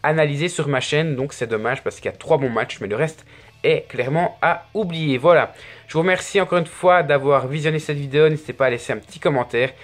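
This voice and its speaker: A man's voice: on the high side, a little fast. A man talking on his own in a casual video review, chatty with lots of fillers and restarts. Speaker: wrestling reviewer.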